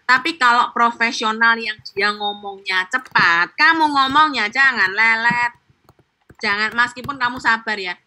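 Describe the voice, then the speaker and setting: A middle-aged woman leads a sales training session over a video call. She talks quickly and with lively energy, slipping into playful little acted-out examples. Her voice is strikingly bright and forward. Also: on the high side. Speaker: insurance agent teaching sales technique. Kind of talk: live online training session.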